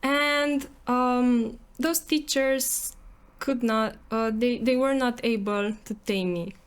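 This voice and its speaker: Romanian accent woman podcast guest, highish voice, playful, chatty, does little quote bits. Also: steady tone, takes it slowly, smooth. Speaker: podcast guest, software developer. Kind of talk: casual conversational interview answers.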